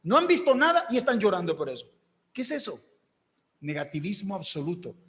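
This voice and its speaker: High-voiced man preaching a sermon. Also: very animated, brisk, a bit bright, big-room sound. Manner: emphatic, acts out quoted voices.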